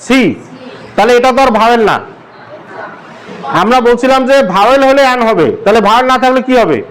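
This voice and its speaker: A man's voice: extremely high pitch, fast, fairly bright tone, a little hiss or hum, low-quality recording. A male English teacher from Bangladesh giving a classroom grammar lesson, asking the class the same question again and again. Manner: drills the class with repeated questions.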